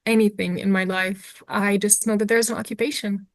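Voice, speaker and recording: A woman's voice: medium pitch, flat delivery, moderate pace, no room sound. A woman, answering interview questions earnestly, thinking aloud with fillers and restarts. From Jordan. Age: 20s. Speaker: interview guest, activist.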